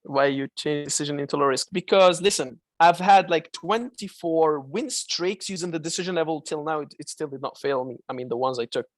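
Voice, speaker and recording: A trading mentor with a Malaysian English accent answers viewers' trading questions on a live stream, talking casually with lots of fillers and restarts. His voice is a little high and a little fast, with hardly any pauses, in a dry recording.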